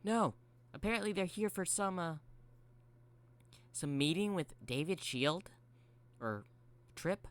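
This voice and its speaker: A man's voice: high-pitched, expressive, slow pace, pauses often, a bit bright, voice pushed up, exaggerated voice. A man voicing a hyper, cheerful female robot spirit girl who talks about herself in the third person. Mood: excited.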